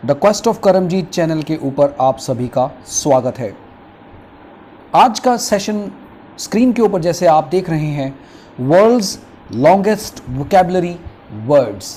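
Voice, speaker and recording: Indian male tutor, measured and slow, breaks hard words into chunks, plenty of "uh" fillers. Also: a little high, expressive, warm tone, slight background noise. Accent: Indian English. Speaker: English teacher for exam prep. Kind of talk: online lesson.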